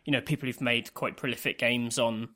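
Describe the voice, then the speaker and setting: A man's voice: medium pitch, little pitch movement, fairly quick, bright, forceful tone. A man co-hosting a podcast, joking and rambling with plenty of fillers. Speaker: podcast co-host. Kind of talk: casual chat.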